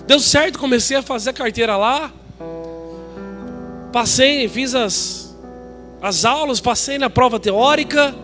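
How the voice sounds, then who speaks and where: A young Brazilian man, a pastor, telling a personal story in a sermon and acting out the voices of the people in it. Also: sits high. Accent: Brazilian Portuguese. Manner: lively storytelling, acting out dialogue.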